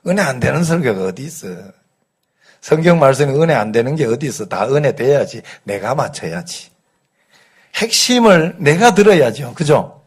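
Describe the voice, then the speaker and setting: A middle-aged pastor with a light Gyeongsang accent, preaching a conversational Sunday sermon, telling folksy stories and asking the congregation rhetorical questions. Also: male voice, mid-range voice, big pitch swings, moderate pace, husky. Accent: light Gyeongsang dialect. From Gyeongsang region, South Korea.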